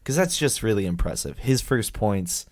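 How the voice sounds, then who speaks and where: A man's voice: fairly low pitch, big pitch swings, normal speed, clean studio sound. A man co-hosting a podcast in casual chat, laid-back, laughing often and echoing his co-host's words. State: recovering from a cold. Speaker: podcast co-host.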